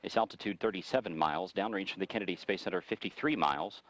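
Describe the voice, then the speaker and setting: A very low-voiced American man reports as a mission control radio commentator. He moves quickly through flight status and figures in a formal, factual manner. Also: a bit bright, no echo, dull audio.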